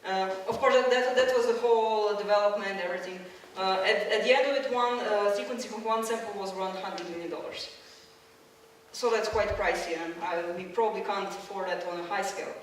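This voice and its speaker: A woman's voice: mid-range voice, steady tone, brisk, slight background noise. A woman from Croatia giving a public science lecture with slides. She explains step by step, with many fillers and restarts. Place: lecture hall. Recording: echoey hall, mic at a distance.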